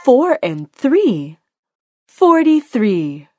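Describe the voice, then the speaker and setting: A woman working as a bingo caller, announcing each call deliberately in short, separate phrases. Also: on the high side, big pitch swings. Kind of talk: bingo calling with rhyming nicknames, announced number by number. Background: music.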